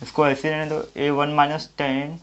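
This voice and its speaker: A man's voice: fairly high pitch, completely flat delivery, unhurried, fairly bright tone, smooth. A man teaching a maths lesson at the board, thinking aloud and answering his own questions step by step. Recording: dull lo-fi audio.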